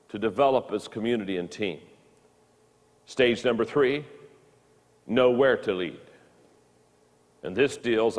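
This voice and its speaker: A man's voice: medium pitch, big-room sound. A man in his fifties giving a recorded leadership lesson, often stumbling and repeating words as he talks. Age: 50s. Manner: halting, repeats words while speaking. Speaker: leadership teacher.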